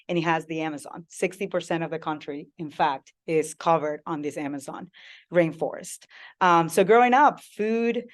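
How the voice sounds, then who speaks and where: A woman from Peru, a food company founder giving an engaging talk and asking the audience questions. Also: on the low side.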